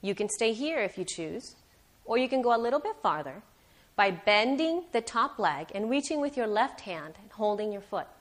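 A woman teaching a live yoga class, guiding step by step in a careful, unhurried and encouraging way. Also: on the high side, sing-song. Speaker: yoga instructor.

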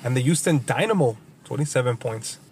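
A man's voice: medium pitch, animated, brisk, a little mellow, slight background noise. A man co-hosting a casual sports chat, reading league results and standings, swearing often and slipping in Spanish phrases. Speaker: podcast co-host reading soccer results.

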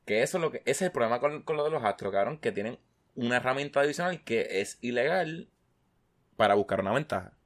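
A man co-hosting a podcast chats casually at a fast clip in a medium-pitched voice. He tells animated stories, swears constantly, and mimics the people he's describing.

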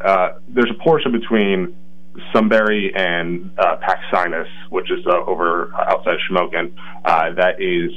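A county planning coordinator phones in to a radio interview, explaining things carefully and rephrasing often. His voice is low-pitched and a bit bright, heard over a muffled, lo-fi phone line.

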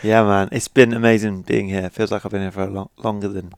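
A man's voice: lowish voice, flat delivery, quick pace, clean tone, no echo, studio quality. A man hosting a podcast in a casual, informal conversational style. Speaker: podcast host. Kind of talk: casual chat and informal announcements.

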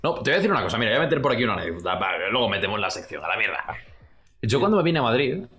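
A man's voice: on the low side, racing, a crowd in the background. A man from Extremadura hosting a podcast, chatty and telling anecdotes. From Extremadura, Spain. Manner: chatty, storytelling, animated. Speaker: podcast host. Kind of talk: casual chat.

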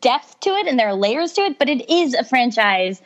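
A woman's voice: high-pitched, very animated, fairly quick, lo-fi sound. A young woman co-hosting a podcast, chatting casually and eagerly. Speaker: podcast co-host. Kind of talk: casual chat.

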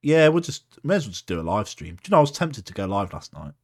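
A man's voice: fairly low pitch, big pitch swings, fast talker. A man co-hosting a podcast in casual banter, jokey, swearing freely and laughing often. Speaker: podcast co-host.

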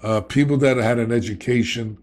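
A middle-aged man with a New York accent talks plainly about his past. His delivery is blunt and streetwise, and he keeps checking in with a quick "okay?" as he goes. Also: medium pitch, darkish tone. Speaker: guest sharing recovery story. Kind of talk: candid conversational storytelling.

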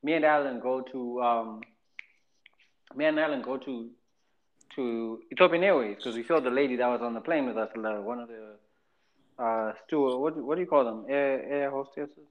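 A man from Zimbabwe with a Zimbabwean accent, hosting a podcast in a casual storytelling chat. He talks in an animated way, repeats phrases and acts out the voices of people in his stories. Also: medium pitch, normal speed, phone-quality sound, a little hiss or hum. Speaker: podcast host.

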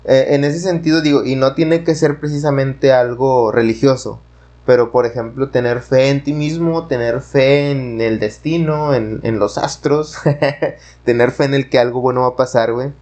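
Man, Mexican accent, casual storytelling, rambling, heavy slang, mid pitch. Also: steady tone, moderate pace, a little mellow. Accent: Mexican Spanish. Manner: rambling, slangy, many fillers.

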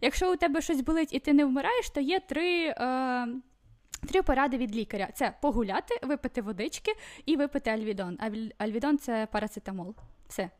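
Chatty high-voiced woman. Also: expressive, a little fast. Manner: chatty, full of fillers and restarts. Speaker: podcast guest living in Sweden. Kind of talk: casual chat.

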